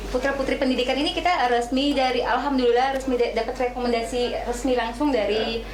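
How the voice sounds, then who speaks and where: A woman, chair of a foundation, answering interview questions haltingly, searching for words. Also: on the high side, steady tone. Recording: echoey room, background noise.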